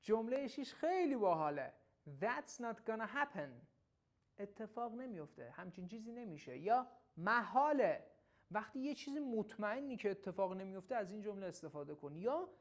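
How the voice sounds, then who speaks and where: A woman teaching everyday English phrases in a casual lesson, saying each phrase slowly and then explaining it quickly. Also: mid-range voice. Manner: praises the listener warmly when coaching them to repeat.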